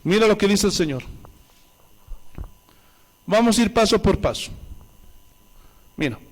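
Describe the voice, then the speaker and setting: A man's voice: sits high, expressive, unhurried. A male pastor, preaching a sermon with emphatic rhetorical questions and reading scripture aloud. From Bolivia.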